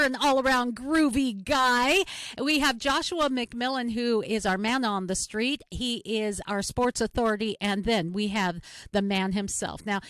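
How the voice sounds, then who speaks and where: A woman's voice: a little high, a bit bright, no echo. A woman hosting a podcast, chatting casually and upbeat about sports with her guests. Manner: chatty and upbeat, laughs easily. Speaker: podcast host.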